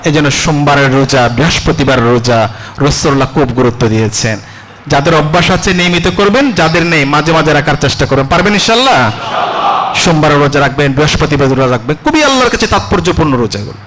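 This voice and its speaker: A male preacher delivers a sermon in a fairly high voice. He puts rhetorical questions to the congregation and chants Arabic verses slowly. Faint background noise sits behind him. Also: lively intonation, fairly bright tone, low-quality recording. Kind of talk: Bengali religious sermon (waz).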